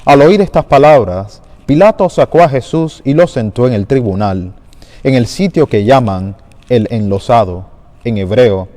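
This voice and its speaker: A man giving a measured, solemn liturgical Gospel reading at a Good Friday service in a large church. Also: medium pitch, warm tone. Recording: long church reverb.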